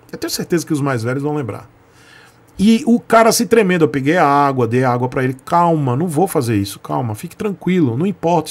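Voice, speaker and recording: A man's voice: a little high, a little mellow. A man in his forties with a Brazilian Portuguese accent, hosting his channel and telling a story to camera in an emphatic, repetitive way that speaks straight to his viewers. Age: 40s. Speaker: channel host.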